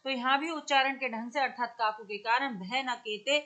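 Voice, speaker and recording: Woman teacher, bright and fairly high voice, patient step-by-step exam explainer. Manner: explains step by step, recites verse slowly. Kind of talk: exam-prep grammar lesson.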